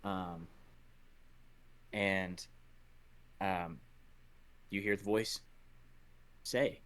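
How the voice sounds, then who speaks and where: A man narrating as dungeon master, his voice sitting fairly low. He describes the scene in a loose, rambling way, stacking fillers as he goes. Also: steady tone, drawn-out words, a bit bright. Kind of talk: narrating a tabletop game.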